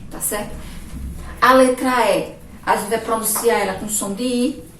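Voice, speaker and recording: Slow, patient woman teacher in an echoey room. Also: on the high side, fairly even intonation, a bit bright. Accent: Brazilian Portuguese. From Brazil. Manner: slow, patient, asks questions often. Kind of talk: remote lesson for young children. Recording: roomy echo, distant mic, faint noise.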